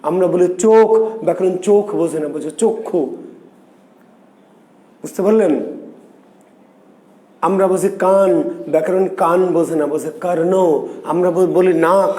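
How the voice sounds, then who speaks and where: A man teaching grammar live online. He fires questions at the students and answers them himself, over and over. His voice is fairly high but mellow, and the room around him is echoey. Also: steady tone, moderate pace, pauses often.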